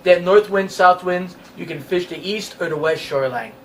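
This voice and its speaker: A man co-hosts a fishing show and talks casually. He hands out plain advice and drops dry jokes along the way. His voice sits high, and it is heard from a distance over light noise. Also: moderate pace. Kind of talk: casual chat. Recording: picked up from a distance, faint background noise.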